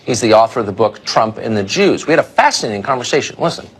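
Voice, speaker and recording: A man's voice: medium pitch, lively intonation, quick pace, a little hiss or hum, poor audio. A man hosting a cable news show, delivering emphatic commentary with rhetorical questions, then interviewing a guest.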